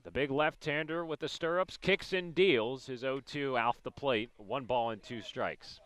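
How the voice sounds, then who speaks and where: This radio sportscaster calls a baseball game live, his high-ish voice fairly bright and clean as he describes the action in terse, clipped phrases while it unfolds.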